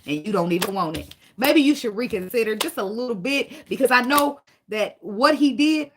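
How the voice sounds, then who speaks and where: A woman's voice: on the high side, normal speed, noisy background. Blunt, profane woman reading tarot. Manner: blunt, profane, preachy, animated. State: tearful, fighting back emotion. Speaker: tarot reader. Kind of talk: casual tarot reading monologue.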